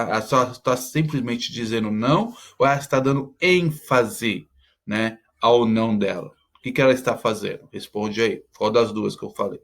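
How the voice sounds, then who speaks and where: A man teaching, talking students through school exercises step by step and checking in with "tá?" after nearly every phrase. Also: medium pitch. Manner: checks in constantly with "tá?".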